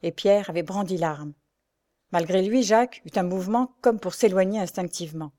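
A woman reading a classic French novel aloud as audiobook narrator, in an expressive, measured way. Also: lowish voice.

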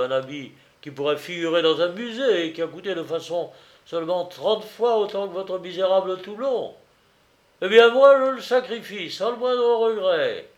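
A man doing a loud jovial prankster uncle. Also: on the high side, dull audio, close to an everyday voice. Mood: grandiose. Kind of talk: audiobook character voice.

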